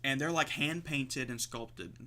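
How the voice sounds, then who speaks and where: Style: casual podcast chat. Sex: man. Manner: rambling, bright tone. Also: medium pitch, measured pace. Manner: rambling, lots of "like" fillers, swears freely. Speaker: podcast co-host.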